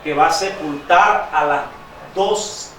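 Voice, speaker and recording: A man preaching a sermon, quizzing his congregation with call-and-response questions and reading scripture slowly with emphasis. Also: a little high, a bit bright, a little hiss or hum. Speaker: pastor. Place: church sanctuary. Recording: very echoey church hall, distant mic.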